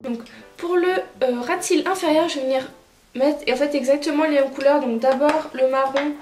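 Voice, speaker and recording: A woman narrating a makeup tutorial as a vlogger, chatty and relaxed with lots of filler words. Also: sits high, moderate pace. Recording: roomy echoey room, faint music.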